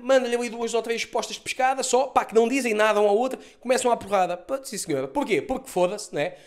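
A man's voice: extremely high pitch, fast talker. A Portuguese man with a Lisbon accent doing a sarcastic comedy recap of a TV episode, swearing and mocking the plot. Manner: mocking, swears a lot, mimics characters. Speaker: comedian reviewing a TV series.

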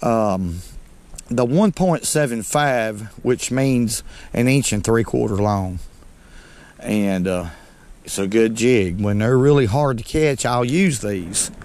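With a mid-range, slightly mellow voice and lively intonation, a middle-aged North Alabama man with a Southern accent hosts his fishing channel. He fishes from a small boat on a lake, chatting unhurriedly and folksily to the "folks" watching, captured by a head-mounted action camera.

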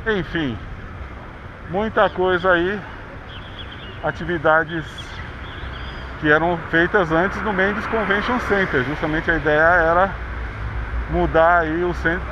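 Brazilian man, slightly high voice, chatty tour-guide narration, dull handlebar-cam audio with street traffic noise. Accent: Brazilian Portuguese. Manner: chatty tour-guide commentary, pointing things out. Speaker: vlogger. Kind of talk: narrated bike ride. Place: outdoors on a city bike path. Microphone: action camera on handlebars.

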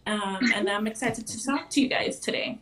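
A woman from Jamaica with a slight Jamaican accent, a relaxed, self-deprecating panel guest on a video call. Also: medium pitch, normal speed, slight background noise. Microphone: video call webcam.

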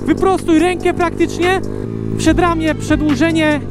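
A man's voice: very high voice, huge pitch swings, measured pace. A man hosting a motorcycle vlog outdoors, laid-back and joking, swearing casually as he chats and coaches a friend. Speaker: motovlogger host. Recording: loud music behind.

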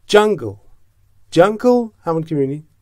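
A man's voice: on the high side, big pitch swings, darkish tone, no room sound. Man teaching English words, dry voice. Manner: explains word by word, repeats each English word slowly. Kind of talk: vocabulary lesson.

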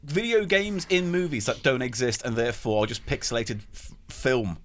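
A man co-hosting a casual panel chat, animated and quick to laugh loudly. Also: medium pitch, a little hiss or hum. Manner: animated, laughs loudly, breaks into silly impressions. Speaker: co-host.

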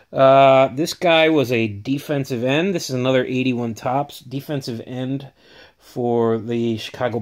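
Rambling casual man showing collectibles. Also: mid-range voice. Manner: rambling, filler-heavy, upbeat. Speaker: autograph collecting vlogger. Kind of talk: casual show-and-tell vlog.

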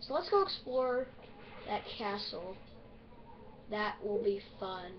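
A woman with the hiccups giving rambling, excitable let's-play commentary on a strategy game. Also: medium pitch, takes it slowly, muffled recording, slight background noise. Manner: chatty, easily excited, rambling. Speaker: gaming video host.

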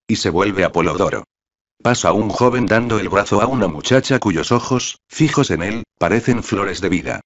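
A man narrating a classic novel as an audiobook, in a measured storytelling manner. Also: fairly low pitch, expressive, lo-fi sound. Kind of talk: scripted literary narration.

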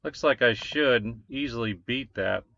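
A man's voice: mid-range voice, a little slow, gravelly, sharp tone, no echo. A man, casually walking through his crypto mining numbers, rambling with many fillers. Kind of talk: casual screen-share walkthrough. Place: small room at a desk. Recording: dull lo-fi desk recording.

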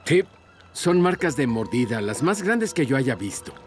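A man's voice: mid-range voice, sing-song, unhurried, a little hiss or hum. A man voicing a friendly, earnest cartoon police car. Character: friendly, eager male police car hero. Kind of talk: animated cartoon dub.

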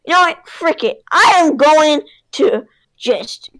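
A woman's voice: sits high, animated, slow, fairly bright tone, full character voice, poor audio. A woman playing a scatterbrained grandpa who rambles through a story and gets sidetracked, improvised in a video game. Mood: muddled, rambling. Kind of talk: improvised role-play in a sandbox video game.

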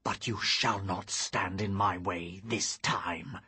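An audiobook narrator voices a furious old tyrant king, stern and wrathful, in a deep, growling delivery. The speech is slow, husky and breathy yet forceful and bright, with lively intonation and heavy acting.

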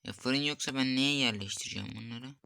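A young gameplay streamer plays a mobile cooking game, muttering to himself, reading recipe steps aloud, and getting frustrated with the game in casual commentary. His mid-range voice is fast, creaky, pushed, and bright, with a clear, resonant tone on a dry recording.

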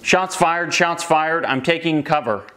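A male officer's voice over police radio chatter, reporting events in short, clipped, procedural callouts. The voice sits somewhat high for a man. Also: a little slow, fairly bright tone. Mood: urgent.

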